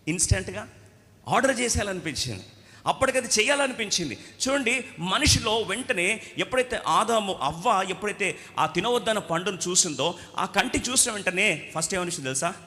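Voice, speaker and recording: Animated male preacher in a reverberant hall. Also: high voice. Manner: animated, rhetorical questions, acts out quoted voices. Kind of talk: sermon.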